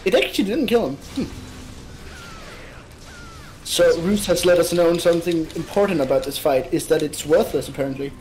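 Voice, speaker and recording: A man chatting casually and joking while playing a game with friends, shouting short bursts during the action. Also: on the high side, moderate pace, long pauses, slight background noise, rough recording. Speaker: co-host gamer. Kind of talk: casual gaming chat.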